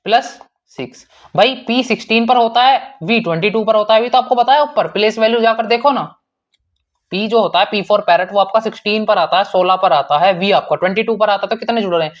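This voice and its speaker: A man's voice: sits high, quick pace, dull audio. A man teaching an online exam-prep lesson in a casual, repetitive way, calling students brother and checking in often.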